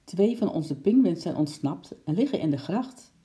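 A kindly zookeeper uncle speaks in a calm, polite way, close to the reader's own voice as a man plays him. His tone is dark and mellow. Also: sits high, normal speed.

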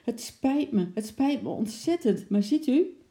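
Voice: mid-range voice, big pitch swings, unhurried, dark tone, pitched above the performer's own voice. A storyteller voicing a flustered middle-aged husband in a children's story, stammering and apologetic. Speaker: storybook character.

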